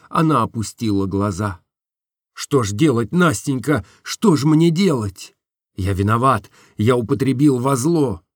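A man's voice: medium pitch, no echo, studio quality. A man reading a literary story aloud in the first person, earnest and emotional in his telling. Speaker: reader. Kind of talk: literary audiobook narration.

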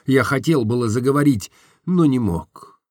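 A man's voice: medium pitch, animated, moderate pace, darkish tone, dry recording, clean studio sound. A man reading a literary story aloud in the first person, earnest and emotional in his telling. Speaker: reader. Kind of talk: literary audiobook narration.

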